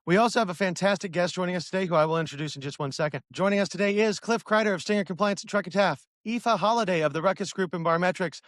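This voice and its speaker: A man's voice: high-pitched, quick pace, few pauses, a bit bright, no echo, studio quality. A man hosting a podcast panel, chatty and upbeat as he runs the introductions and asks questions. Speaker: podcast host.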